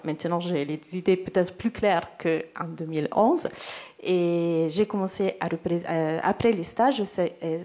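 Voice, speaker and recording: A literary agent for illustrators, a woman in her thirties and native Italian speaker with an Italian accent, answers on a round-table panel. Her fairly low, dark voice comes out hesitantly, full of fillers and restarts.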